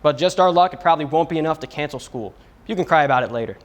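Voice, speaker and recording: Talking very fast in a fairly high voice, a young man subs in for the weather forecast as a joke segment. He's goofy and self-mocking, putting on a show of being serious.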